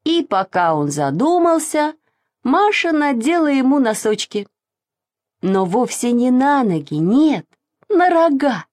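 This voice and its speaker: A woman reading a children's story aloud in an expressive, sing-song way. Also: high voice, measured pace, no room sound, clean studio sound.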